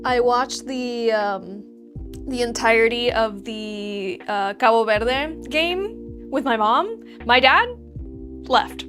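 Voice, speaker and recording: An Argentinian young woman with a fairly high voice hosts a relaxed livestream and talks directly to her viewers in casual chat. She teases herself and laughs often between thoughts, while soft music plays faintly behind her.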